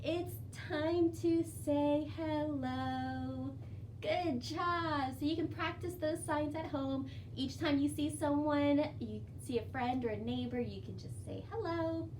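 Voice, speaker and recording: A children's librarian leads storytime, reading, reciting rhymes and singing for young children in an expressive, sing-song way. Her high voice is slow, and she takes her time over the words. The mic sits a little far off, with faint background noise.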